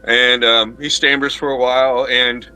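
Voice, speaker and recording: A man narrating a tabletop game as game master, improvising in a halting way as he searches for words. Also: mid-range voice, level tone, sharp tone, smooth, soft background music, rough recording.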